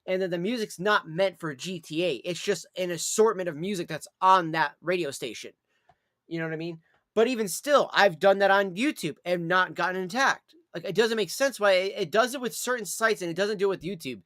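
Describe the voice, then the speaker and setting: A man's voice: sits high, a little fast, fairly bright tone, no echo, studio quality. A man chatting casually on a livestream in a rambling, repetitive way, with some swearing. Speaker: live streamer.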